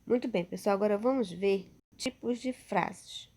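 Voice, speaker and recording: Woman teacher, Brazilian Portuguese accent, slow and patient delivery, recorded class. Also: mid-range voice, dark tone. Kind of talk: remote class lesson over slides.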